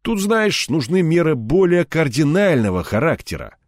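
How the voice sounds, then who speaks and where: A man voicing a nervous, fawning middle-aged male police colonel who talks loudly and eagerly. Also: fairly high pitch, big pitch swings, normal speed, dry recording, studio quality, pitched above the performer's own voice. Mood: brash. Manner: flustered, eager to please, loud.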